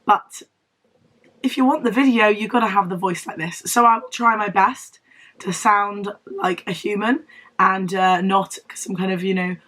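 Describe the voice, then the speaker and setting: A young book vlogger from Devon, England, with a southern English accent talks casually to camera while unwell and losing her voice. Her medium-pitched, slightly bright voice is wheezy and strained but steady, at a moderate pace, as she rambles self-deprecatingly over slight background noise.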